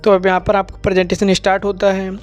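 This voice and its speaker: A man who trains teachers, explaining a lesson plan in Hindi and reading the English lines slowly and deliberately. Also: sits high, completely flat delivery, clear, resonant tone, soft background music. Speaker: teacher educator.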